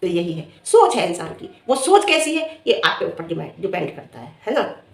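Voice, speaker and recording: A woman's voice: on the low side, sing-song, normal speed, creaky. Taunting middle-aged woman vlogger, echoey room. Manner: scolding, taunting, addresses a rival directly. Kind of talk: confrontational vlog rant.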